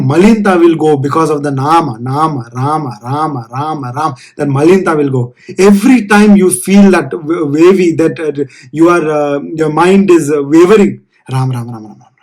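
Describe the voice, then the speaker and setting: A man's voice: a little high, darkish tone, husky, rough recording. A man with a South Indian accent giving an informal spiritual discourse as a teacher, earnest and repeating phrases for emphasis.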